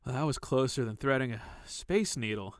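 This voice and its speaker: A man's voice: medium pitch, expressive, moderate pace, background noise, natural voice. A man playing a conscientious, cautious and inquisitive salvage worker in a science fiction audio drama. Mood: curious, wary.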